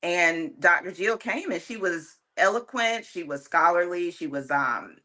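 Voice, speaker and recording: Woman, somewhat low voice, bright tone, earnest, chatty with ums and likes, panel guest. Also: lively intonation, unhurried. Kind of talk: casual opinionated discussion.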